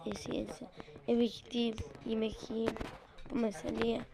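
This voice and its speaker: A woman narrating a game role-play in hurried, urging chatter. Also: fairly high pitch, flat delivery, vocal fry. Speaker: gameplay voice actor.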